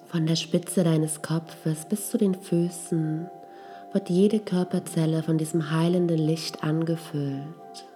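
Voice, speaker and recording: Soft breathy lady doing a guided meditation, really slow and relaxed, music playing under her. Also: deep voice.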